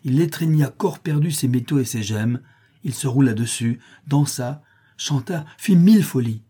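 A man voicing an old Mexican nurse woman, speaking gently and persistently. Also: medium pitch, animated, normal speed, breathy edge. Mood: earnest.

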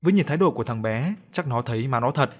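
A man's voice: mid-range voice, animated, quick pace. Man narrating a ghost story. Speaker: audiobook narrator.

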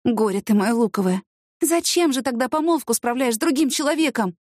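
A sharp-tongued woman friend scolds and exclaims in a high, wildly swooping voice, as a woman reader puts her on. She lectures with sarcasm, all spoken close and dry with no room around it. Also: expressive, brisk, dry recording. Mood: scolding. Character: brisk, scolding woman friend who works in the courts.

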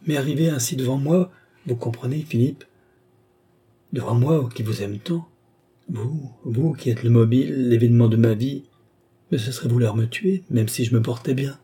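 Man doing a fragile young noblewoman, nervous, breathless, husky mellow voice. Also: mid-range voice, normal speed. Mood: feverish.

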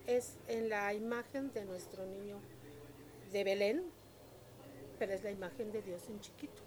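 A woman, telling stories in a lively, chatty and devout way during an interview. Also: mid-range voice, normal speed. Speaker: interviewee, local shop owner. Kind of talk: casual storytelling interview. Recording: street crowd noise behind.

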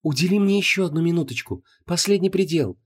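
A man's voice: a little high, expressive, fast talker, husky, pitched above the performer's own voice. A man doing a honeyed, condescending goddess. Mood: persuasive. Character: sweetly smiling seductive goddess of love.

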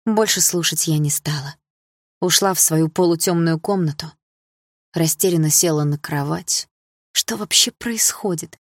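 Husky woman narrating a novel. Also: low voice, steady tone, moderate pace, no room sound, clean studio sound. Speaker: audiobook narrator. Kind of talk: first-person novel reading.

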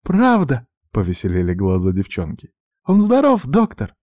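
A man voicing an excitable, affectionate young sister with high, eager exclamations. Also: quick pace, no room sound, clean studio sound. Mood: excited.

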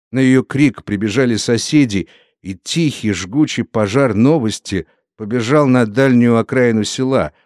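Brief: male audiobook narrator, solemn and steady, average pitch, dry studio sound. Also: no echo. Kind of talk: scripted literary narration.

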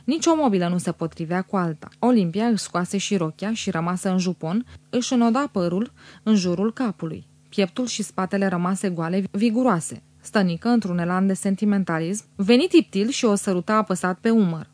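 A woman's voice: medium pitch, darkish tone, dry recording. Woman narrating a novel, dry and close. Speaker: audiobook narrator. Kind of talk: literary audiobook narration.

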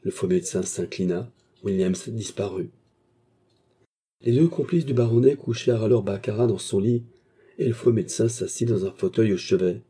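A man narrating a classic novel aloud in a measured, even storytelling manner. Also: lowish voice, slightly rough. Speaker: audiobook narrator.

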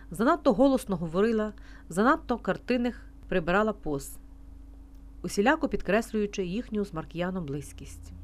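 A woman narrating a novel as an audiobook reader in an even, expressive storytelling manner. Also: medium pitch. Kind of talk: scripted narration.

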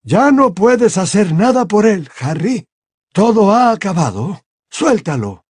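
A man's voice: high-pitched, huge pitch swings, measured pace, darkish tone, slightly rough, dry recording, clean studio sound, voice pushed up, heavily acted. A man voicing a very old male headmaster who speaks in a soothing but firm way. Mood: gentle.

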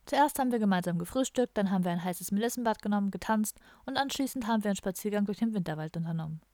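A woman's voice: medium pitch, very fast, a little mellow, no room sound, studio quality, lightly acted. A woman voicing a cheerful, idealistic young hippie man who rambles on in a chatty, dreamy way. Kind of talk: audiobook character voice.

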